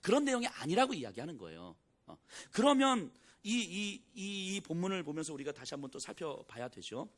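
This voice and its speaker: A male pastor preaches in a casual, storytelling tone, slipping into characters' voices as he retells the scripture. His voice sits a little high and moves up and down with lively intonation. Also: a little fast, hardly any pauses. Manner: conversational preaching, acts out biblical dialogue in casual speech. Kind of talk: sermon.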